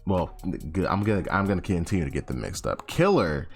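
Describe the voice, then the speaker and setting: A man's voice: deep voice, big pitch swings, brisk, soft background music. A young man casually recapping a comic chapter, slangy and rambling, often correcting himself and acting out quotes. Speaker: anime chapter reviewer.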